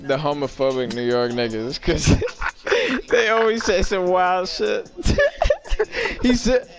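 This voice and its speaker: A man chatting casually with friends while gaming, trash-talking loudly and cracking up laughing. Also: a little high, fairly even intonation, unhurried, faint music behind. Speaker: gamer streaming with friends.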